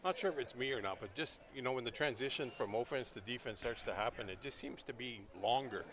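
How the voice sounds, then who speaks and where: A crowd can be heard behind a man with a medium-pitched voice who talks fast. He's giving loose, opinionated live color commentary from an outdoor stadium's press booth, chatty and full of fillers.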